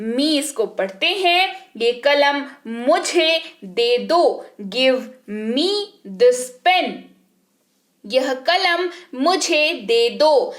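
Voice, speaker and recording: A woman English teacher explaining words slowly and clearly, spelling them out letter by letter. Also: sits high, pushed and bright, roomy sound. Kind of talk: spoken English lesson.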